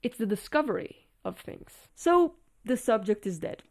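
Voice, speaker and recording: A woman narrates a scripted, analytical video essay, explaining things step by step with rhetorical questions and deliberate pauses. Her voice is a little high and sing-song.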